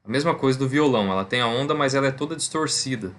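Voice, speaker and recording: A man's voice: mid-range voice, quick pace, a bit bright, a little hiss or hum. A man teaches a recorded physics lesson in a mid-range voice. He explains step by step, repeats the key points, and checks in with his students after almost every sentence. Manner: conversational, checks in with "tá?" and "né?". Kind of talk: recorded online lesson over slides.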